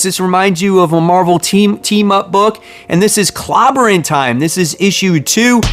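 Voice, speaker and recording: A man with a slightly high voice hosts a top ten countdown over background music. He reviews each pick in an informal, conversational way, addressing his viewers directly. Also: fairly bright tone. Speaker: comic book reviewer and channel host.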